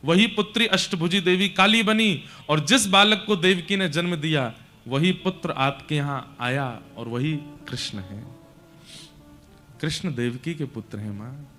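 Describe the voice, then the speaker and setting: Man, play a weighty old messenger in a storytelling sermon: drop your voice low and quiet, hesitant as he breaks hard news. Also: normal speed, few pauses, soft background music. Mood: sorrowful confession. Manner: low, hushed and reluctant, confessing a hard truth. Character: grave elderly male royal messenger, hesitant.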